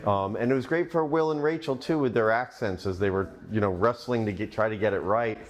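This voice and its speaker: A film director with a fairly low voice speaks briskly in an interview, telling behind-the-scenes anecdotes. He's enthusiastic and rambling, frequently restarting his sentences.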